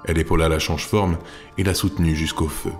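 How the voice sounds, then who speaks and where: A man with a very low voice reads a fantasy story in a measured, steady storytelling manner. Faint music runs quietly under the narration.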